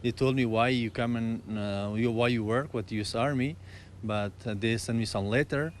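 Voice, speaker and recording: A man's voice: mid-range voice, normal speed, slight background noise. A man from Afghanistan with an Afghan accent, speaking hesitant, broken English with many fillers as a guest in a live TV interview. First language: not English.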